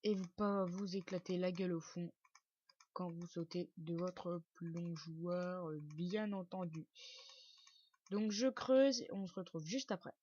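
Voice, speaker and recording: Slow-talking joking man, dull lo-fi sound. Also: high voice, steady tone, darkish tone, no echo. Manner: chatty and joking, casual swearing, many fillers. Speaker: video game building tutor. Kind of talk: casual gameplay tutorial commentary. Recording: dull lo-fi dry recording.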